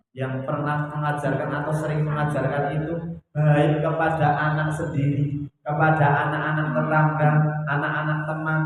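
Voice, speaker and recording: A man with a Javanese accent preaching to a women's study group, in a lively, sing-song style that swings between loud and soft. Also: a little high. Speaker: Islamic preacher. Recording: echoey hall, voice from a distance.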